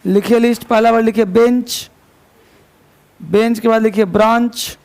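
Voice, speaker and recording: A man's voice: very high-pitched, fairly even intonation, normal speed, gravelly, a little mellow. A male English teacher with a Hindi-speaking North Indian accent, giving a classroom grammar lesson, spelling words out letter by letter and asking students questions he answers himself.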